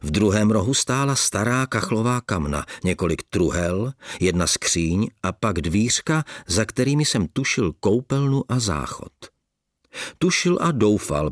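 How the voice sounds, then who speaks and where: Low-voiced man reading an audiobook. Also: no echo, studio quality. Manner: expressive storytelling. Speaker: audiobook narrator.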